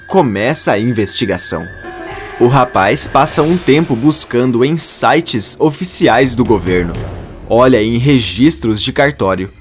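A man reading a scripted soap opera recap in a brisk, dramatic way. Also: medium pitch. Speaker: narrator.

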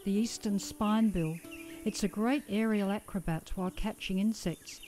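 A woman with an Australian accent giving calm, scripted nature documentary narration as a voice-over. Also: mid-range voice, normal speed.

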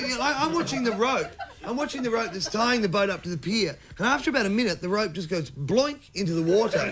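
A middle-aged man doing stand-up, telling a rambling story with sudden shouted bits, recorded live on stage. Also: high voice. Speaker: stand-up comedian. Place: comedy stage before an audience.

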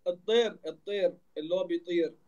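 A man's voice: high voice, quick pace, mellow, highs cut off. A man with an Egyptian accent, chatting casually and teasingly as he hosts a live stream. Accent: Egyptian Arabic. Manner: joking, teasing. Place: indoor room, live video call.

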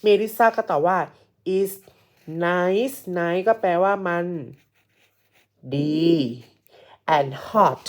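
A woman's voice: lowish voice, drawn-out words, long pauses. A woman teacher giving a patient English lesson, repeating each phrase and translating it for her students. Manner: asks the students questions and calls them kids. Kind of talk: slow classroom English lesson explained in Thai.

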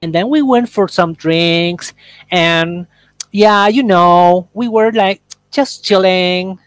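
A man's voice: high voice, drawn-out words, clear, resonant tone, dry recording. A man voicing a casual young adult at a job fair who ends every phrase rising, with drawled fillers. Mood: breezy. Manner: rising sing-song endings, drawled fillers.

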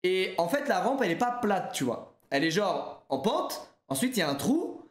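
Animated young man telling a story. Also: high voice, moderate pace, reverberant. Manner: animated, lively anecdote with frequent fillers. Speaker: streamer. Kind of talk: casual storytelling to viewers.

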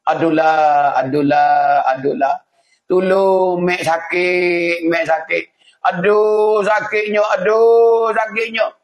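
A woman's voice: lowish voice, level tone, takes it slowly. Man putting on a wailing dead mother in her grave. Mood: anguished. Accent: Patani Malay. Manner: wailing, pleading cries.

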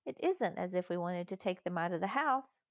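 A woman's voice: lowish voice, lively intonation, moderate pace, no room sound. A woman voicing a practical, slightly fussy elder sister in a storybook reading. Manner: fussy, practical, well-spoken. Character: sensible, practical elder girl.

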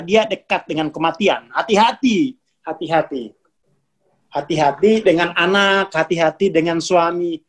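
In a mid-range voice, a speaker gives a relaxed spoken lecture on spiritual consciousness, repeating warnings and laughing between points.

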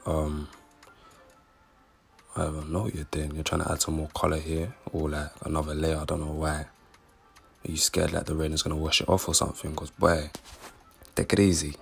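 A young man, giving unimpressed, deadpan casual commentary in slang. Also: a bass voice, normal speed, vocal fry, long pauses, faint music behind.

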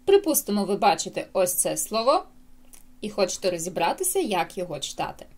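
A woman's voice: medium pitch, brisk. A woman teaching English pronunciation in a video lesson, explaining each sound to her viewers. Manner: lively, explanatory, addresses viewers directly.

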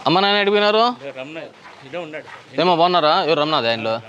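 A man, a politician going door to door, asking brisk questions and reassuring residents out on the street. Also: on the high side, expressive, muffled recording. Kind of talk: door-to-door conversation. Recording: crowd noise around. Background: crowd of people.

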